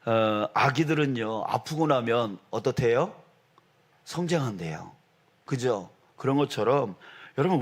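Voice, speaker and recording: A man preaching a sermon as pastor, building to loud, emphatic peaks. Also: medium pitch. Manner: rises to loud emphatic peaks, acts out quoted voices.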